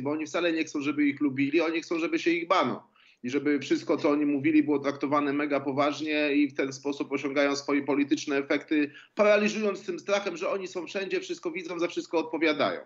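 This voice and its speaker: Skeptical male journalist guest, somewhat high voice, ironic tone, muffled lo-fi sound. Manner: ironic, skeptical, vivid examples. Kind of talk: studio political debate.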